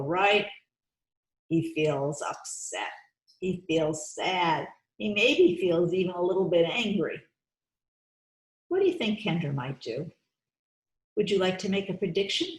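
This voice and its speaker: A children's author, a woman with a lowish voice, reads an interactive storybook aloud to young children at an unhurried pace. She is expressive, coaxing and emphatic, pausing to put questions to her listeners. The recording sounds roomy and echoey.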